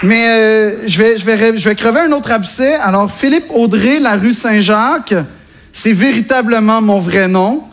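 On stage before a live audience that laughs in the background, a young Québécois man from Quebec, Canada, performs self-mocking stand-up comedy. His high voice moves at normal speed, chatty and full of hesitations, in a Québécois French accent, with a little hiss or hum in the audio.

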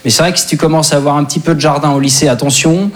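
Racing through his set in a steady, fairly high voice, a young adult man with a French accent does conversational stand-up comedy that pokes fun at himself. It's recorded at a live show on a comedy stage, with the audience laughing in the background.

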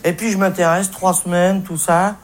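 Speaking at a moderate pace with a high voice and flat delivery, a male stand-up comedian rants on stage in a colloquial, sweary, faux-naive way. It's a comic monologue captured in a noisy live recording, with laughter from the audience behind him.

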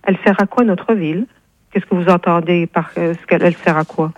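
A woman's voice: lowish voice, fairly quick. A woman working a town hall switchboard, answering a call with blunt, matter-of-fact replies, heard over a phone line. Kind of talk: phone call, prank call target.

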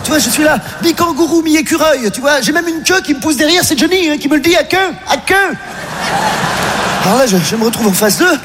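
A man performing as a strange castaway living alone on an island, rambling and hesitant in a low mumble. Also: animated, fairly quick. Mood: dazed, rambling. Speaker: stand-up comedian. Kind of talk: stand-up character monologue. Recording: long hall reverb, clear background noise.

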